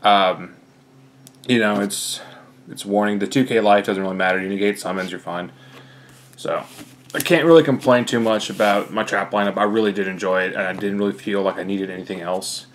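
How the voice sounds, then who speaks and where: A man's voice: fairly low pitch, fairly even intonation, fairly quick, a little hiss or hum. A young man, slightly out of breath, casually talking through his card deck with lots of fillers. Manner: rambling, many fillers. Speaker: card game player.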